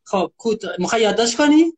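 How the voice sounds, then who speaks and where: A man's voice: extremely high pitch, expressive, a little mellow. A male host of a live chat, teasing his guest in a mock-polite way.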